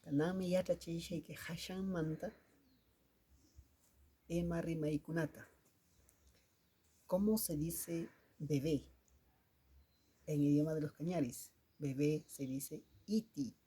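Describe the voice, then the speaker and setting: A man leads a slow vocabulary lesson. He asks how to say each word, then repeats it patiently. His voice is mellow and soft, and the pace is unhurried. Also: on the high side, fairly even intonation, breathy edge. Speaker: language teacher.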